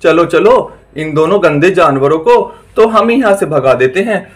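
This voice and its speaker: A man with a fairly high voice narrates a doll play story. He talks eagerly and exclaims often, repeating his calls to look again and again. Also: expressive, moderate pace.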